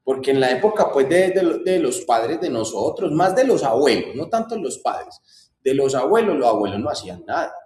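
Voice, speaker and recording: A man's voice: medium pitch, very animated, normal speed, darkish tone, echoey room. A man teaching a class in a conversational way, repeating points and asking rhetorical questions. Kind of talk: classroom lecture.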